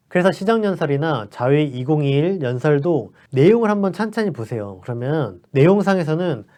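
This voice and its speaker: A man's voice: on the high side, mellow. A man giving persuasive explanatory commentary, asking rhetorical questions as he talks. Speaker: political commentator.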